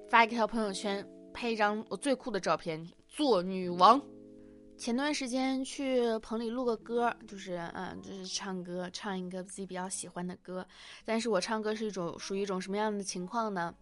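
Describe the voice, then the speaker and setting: A woman's voice: on the high side, fairly bright tone. A woman in her late twenties hosting a casual home podcast, chatty and self-mocking, often giggling as she tells stories. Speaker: podcast host. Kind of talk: casual personal radio chat.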